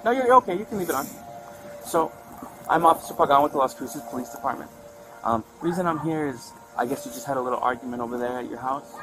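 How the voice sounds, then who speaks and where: A police officer speaking in a calm, reassuring and polite way. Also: male voice, medium pitch, quick pace, music in the background. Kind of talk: bodycam conversation. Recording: bodycam mic, noisy outdoors.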